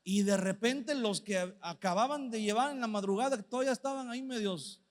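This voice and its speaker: A man preaching a sermon. He asks the congregation many rhetorical questions and slows right down when he reads Bible verses. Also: high voice, in a large hall.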